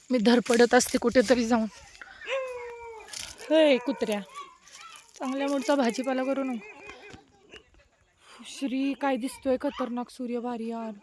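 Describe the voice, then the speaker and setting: A woman's voice: fairly high pitch, darkish tone. A young woman with a Marathi accent, vlogging outdoors on a mango farm, teasing playfully and mixing Hindi and English. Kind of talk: casual vlog chat.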